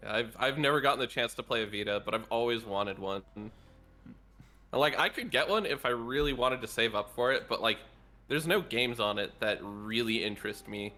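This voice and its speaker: A man's voice: mid-range voice, expressive, normal speed, sharp tone. A man in a casual podcast chat, giggling often and rambling with many restarts.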